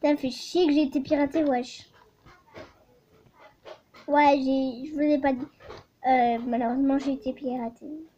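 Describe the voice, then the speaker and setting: A woman's voice: high-pitched, steady tone, measured pace, long pauses, dark tone, lo-fi sound. A young woman chatting over her gameplay, giggly, trailing off, and complaining that she is losing her voice. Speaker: gaming vlogger. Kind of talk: casual gameplay commentary.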